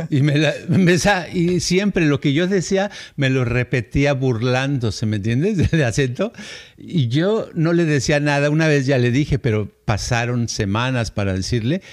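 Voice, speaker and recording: Older Mexican man telling stories. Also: mid-range voice. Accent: Mexican Spanish. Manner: storyteller who mimics English speakers and often breaks into chuckles. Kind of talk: casual conversation, personal stories.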